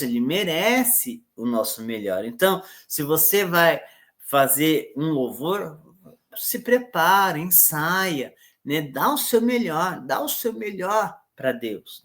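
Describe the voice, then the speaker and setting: A man preaching an informal sermon as a pastor, repeating phrases, clearing his throat and often tagging questions. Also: high-pitched, fairly bright tone. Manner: repetitive, conversational, frequent tag questions.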